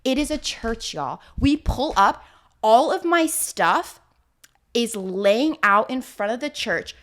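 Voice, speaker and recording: A woman in her twenties on a casual podcast, telling a story in a lively way and acting out what other people said. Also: fairly high pitch, slow.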